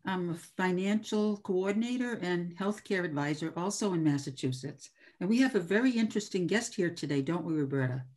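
Woman co-host with a crisp introduction. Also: on the low side, expressive, fairly quick, few pauses, a little mellow. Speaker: co-host, financial coordinator. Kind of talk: talk-show introduction and questions.

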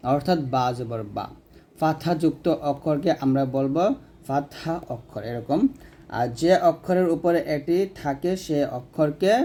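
A man teaching Quran reading, drilling letter sounds one by one in a slow, drawn-out way. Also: fairly high pitch, mellow. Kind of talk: spoken lesson.

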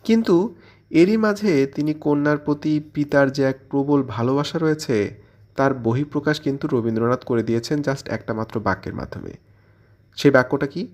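With a slightly mellow, mid-range voice at an ordinary pace, the presenter of a literary audio channel reads a scripted commentary on literature. He explains as he goes, asking questions and then answering them himself.

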